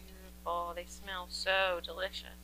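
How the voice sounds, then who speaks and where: A woman's voice: lowish voice, little pitch movement, bright, forceful tone, slight background noise, rough recording. A woman in her forties co-hosting a cooking show in a home kitchen, reacting with enthusiastic praise and questions. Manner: enthusiastic, quick affirmations. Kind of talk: casual cooking chat.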